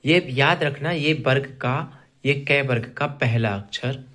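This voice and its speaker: Male teacher, mid-pitched, patient drilling pace, repeats each syllable. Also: fairly bright tone. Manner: slow, drilling sounds one by one, repeating syllables. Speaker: Sanskrit teacher. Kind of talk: classroom grammar lesson.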